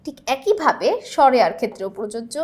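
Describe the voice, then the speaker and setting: A young woman with a high, light voice teaches a lesson. She explains each point patiently and keeps checking whether her students follow. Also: animated, fast. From Bangladesh. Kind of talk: classroom lesson explaining exam questions.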